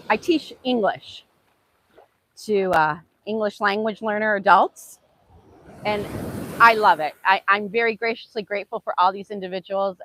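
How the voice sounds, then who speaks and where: This woman speaks at a medium pitch with a fairly bright tone, and a slight hiss or hum sits under the audio. She's an English teacher from the United States, raised in a Hungarian immigrant family with Hungarian as her first language. Her motivational self-improvement talk is informal and earnest, full of repeated phrases and questions.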